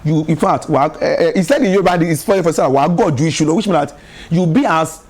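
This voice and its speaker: A Nigerian man with a Nigerian English accent, a gospel artist telling lively stories as a talk-show guest, often laughing and repeating words. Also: a little high, quick pace. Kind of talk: casual talk show conversation. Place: television studio.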